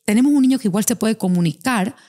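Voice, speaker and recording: A woman's voice: a little high, fast talker, mellow. A woman hosting a podcast, telling stories animatedly and acting out the voices of people she quotes. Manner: tells anecdotes animatedly, acts out quoted voices. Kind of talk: casual podcast conversation.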